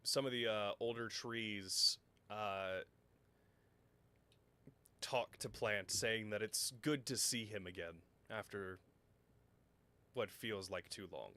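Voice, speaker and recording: A man runs a tabletop game with a low but bright, clear-edged voice. He narrates at an unhurried, deliberate pace. His descriptions are halting, full of fillers and mid-sentence corrections. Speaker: game master.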